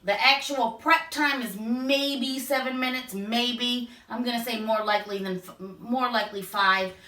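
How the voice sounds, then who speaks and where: A woman's voice: a little high, steady tone, measured pace, sharp tone. A woman hosting a home cooking tutorial, chatty and enthusiastic as she talks straight to her viewers. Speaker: cooking show host. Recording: echoey room, voice from a distance.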